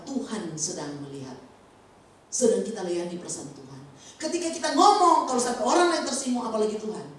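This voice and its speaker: A woman preaching a sermon in a church, animated and acting out quoted speech. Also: mid-range voice, a little hiss or hum. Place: church hall. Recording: echoey church hall from far off.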